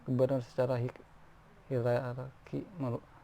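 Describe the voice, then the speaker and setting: Gravelly man reading news, stumbling often. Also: mid-range voice, monotone, unhurried, mellow. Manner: stumbling, frequent restarts on words. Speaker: news reader. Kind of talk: reading news articles aloud. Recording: faint background noise.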